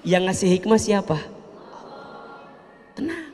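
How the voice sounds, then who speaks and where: A man's voice: high voice, big pitch swings, takes it slowly, darkish tone, big-room sound, faint music behind. A man preaching a sermon, telling playful stories and acting out everyday dialogues.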